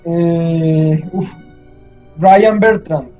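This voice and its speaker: A man's voice: fairly high pitch, drawn-out words, faint music behind. A man in casual podcast banter, hesitating with fillers as he tries to recall names. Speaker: podcast co-host playing a trivia game. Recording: dull, slightly lo-fi mic.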